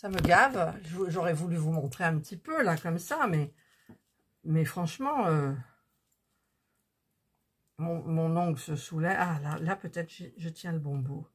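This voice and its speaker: A vlogger shows off her purchases, chatting casually with viewers as she unpacks and tries out what she bought, fiddling with the items as she talks. Her voice is low and husky, a little slow, with frequent pauses.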